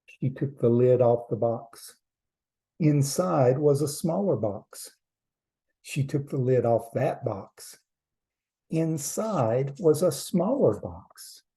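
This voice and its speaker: Male storyteller, trickster tale narration, dark mellow tone, unhurried pace, measured short phrases. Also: mid-range voice, lively intonation, husky.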